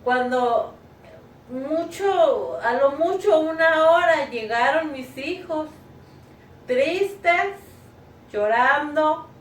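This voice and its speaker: A woman's voice: sits high, expressive, drawn-out words, pauses often. A middle-aged woman gives a personal religious testimony to her church, earnest and tearful, speaking to her listeners as brothers and sisters. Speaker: church member giving testimony. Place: living room at home. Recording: roomy, distant mic, faint background noise.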